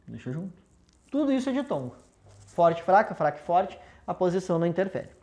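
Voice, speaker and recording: A woman's voice: on the low side, big pitch swings, brisk, warm tone. A woman teacher, patiently explaining a lesson step by step with rhetorical questions and an affectionate tone toward her students. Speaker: language teacher. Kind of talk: recorded video lesson at a whiteboard.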